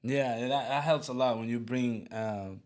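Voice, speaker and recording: A man's voice: mid-range voice, steady tone, darkish tone. Venezuelan-accented host, man, eager, restarts words often. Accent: Venezuelan Spanish. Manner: enthusiastic, halting, repeats words. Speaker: podcast host. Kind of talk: casual interview chat.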